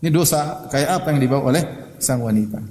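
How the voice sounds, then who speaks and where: A man preaching a sermon in a lively way, throwing questions at his listeners and reciting Arabic. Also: mid-range voice, fast, slight background noise. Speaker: Islamic preacher. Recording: echoey hall with long reverb.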